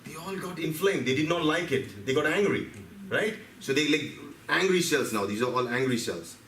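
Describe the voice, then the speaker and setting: A man from India talks to a live seminar audience at a moderate pace, his voice fairly high, expressive and a bit bright, as he tells stories, asks questions, and acts out his cells. The meeting hall sounds roomy and distant, with faint ambience and a little hiss or hum.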